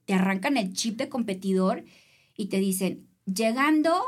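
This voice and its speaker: A woman with a Mexican Spanish accent, a triathlete guest telling a race story in a casual interview, animated and acting out other people's voices. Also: mid-range voice, normal speed.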